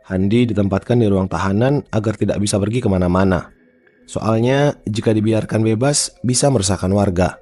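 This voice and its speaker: A man narrates a scripted horror story like a horror host, in a measured and formal manner. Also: lowish voice, dark tone. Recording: faint music under the voice. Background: faint background music.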